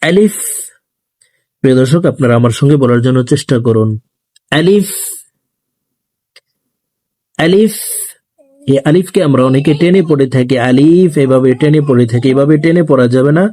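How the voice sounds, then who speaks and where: A man teaching Quran reading in a slow, gentle lesson, saying each letter over and over so viewers can repeat after him. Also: mid-range voice, no room sound, studio quality.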